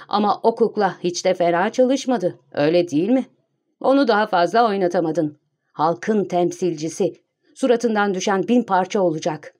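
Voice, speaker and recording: A woman voicing a cocksure, mocking male gentleman thief in an audiobook, teasing like a showman. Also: mid-range voice, close to an everyday voice.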